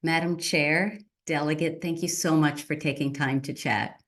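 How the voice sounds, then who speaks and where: A woman's voice: low-pitched, steady tone, normal speed. A middle-aged woman who hosts a short interview show, asking questions in an effusive, chatty way with some fillers. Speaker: host, state senator.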